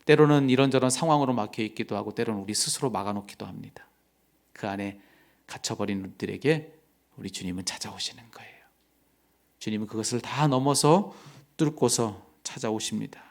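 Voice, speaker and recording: A male pastor preaching a sermon, swinging from loud emphatic lines to soft whispered words of comfort. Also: lowish voice, brisk.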